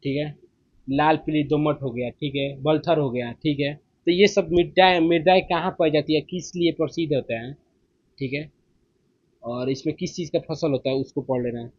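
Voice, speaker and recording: Man, casual exam tutor, fairly high voice, chatty, dry muffled sound. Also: steady tone, normal speed, darkish tone, dry recording. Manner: chatty, repeats "theek hai" after each point. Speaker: exam coaching teacher. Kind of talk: casual exam-prep lesson. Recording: slightly muffled dry recording.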